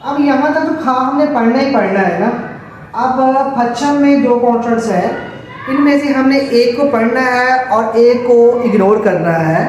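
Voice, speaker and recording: A man's voice: very high voice, a little slow, a little hiss or hum. A man with a Pakistani Urdu accent, teaching Korean to students in a classroom lecture at the board. He explains each rule step by step and repeats it patiently. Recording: very echoey room, voice from a distance.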